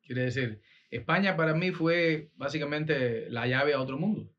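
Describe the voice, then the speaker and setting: A man with a Cuban Spanish accent recalls his past in a relaxed interview, talking animatedly with plenty of laughs and fillers. His voice sits fairly high for a man and comes through a dull, lo-fi recording. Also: normal speed. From Cuba. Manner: animated storyteller, laughs often, many fillers. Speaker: guest, improvising poet and musician. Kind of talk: storytelling interview chat. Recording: dull lo-fi sound.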